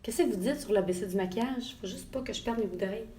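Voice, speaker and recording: A woman's voice: mid-range voice, fast talker, dark tone. A woman with a Québécois accent, a makeup artist, chatting while she does a live makeup tutorial from a hotel room and greeting viewers by name. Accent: Québécois French.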